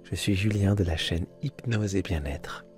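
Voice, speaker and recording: A man guiding a sleep hypnosis in a soft, hushed, soothing voice, intimate and close, as if right in your ear. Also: low-pitched. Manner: soft, hushed, soothing delivery with measured pauses. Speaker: hypnosis channel host and guide. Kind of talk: guided sleep hypnosis narration. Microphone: close microphone, binaural recording. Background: soft background music.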